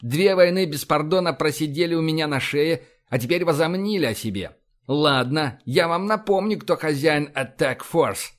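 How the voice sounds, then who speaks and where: A man's voice: fairly high pitch, moderate pace, lightly acted. A man voicing a commanding, mocking male admiral who barks orders in a Russian audiobook. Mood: mock stern.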